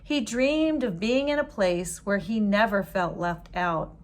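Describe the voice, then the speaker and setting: In a mid-range voice, a woman who teaches reads from a children's book, giving each line a careful, animated storyteller's delivery.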